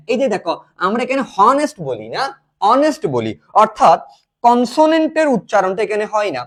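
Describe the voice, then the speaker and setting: A young male tutor with a fairly high voice that swings up and down a great deal. He runs a live online class and throws questions at the students, then answers them himself. He calls his listeners "bhaiya". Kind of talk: live class teaching grammar.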